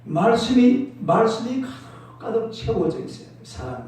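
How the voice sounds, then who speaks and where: A man's voice: sits high, very animated, normal speed, darkish tone. A male pastor preaching a sermon, emphatic, calling out to the congregation for responses. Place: church sanctuary. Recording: echoey church hall from far off.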